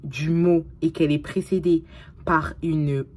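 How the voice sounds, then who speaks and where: A woman's voice: low-pitched, steady tone, a little slow, darkish tone, slightly rough. A young woman vlogging in a casual, chatty way, tired, swearing often and dropping English phrases into her talk. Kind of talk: casual vlog chat.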